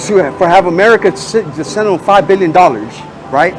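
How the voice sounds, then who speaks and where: A man's voice: sits high, lively intonation, a little fast, background noise. A man interviewing a stranger on the street in casual talk, pressing with questions and dropping in Spanish phrases.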